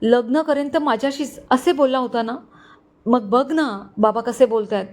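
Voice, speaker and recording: Woman playing a young bride, high pleading voice, tearful, storybook reading. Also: moderate pace, a little mellow, lightly acted.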